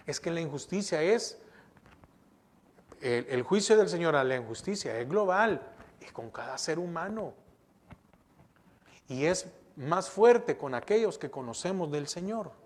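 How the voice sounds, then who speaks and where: Preaching to his congregation, a middle-aged male pastor with a fairly high voice asks questions and then answers them himself. He drives his points home emphatically, repeating words and starting over at times.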